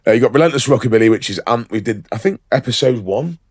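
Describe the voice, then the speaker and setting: A man's voice: mid-range voice, expressive, fast, breathy edge, no room sound, clean studio sound. A man co-hosting a casual podcast, rambling and sweary, full of ums and fillers. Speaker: podcast co-host.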